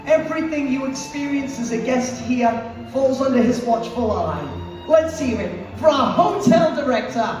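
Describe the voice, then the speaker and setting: A woman's voice: high-pitched, expressive, normal speed, distant mic. A woman speaking as an upbeat cruise director, rallying a crowd from the stage with emphatic live introductions. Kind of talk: live stage announcing, introducing officers to an audience. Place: on stage in a cruise ship venue. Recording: echoey PA in a large hall, music and crowd. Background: music and audience noise.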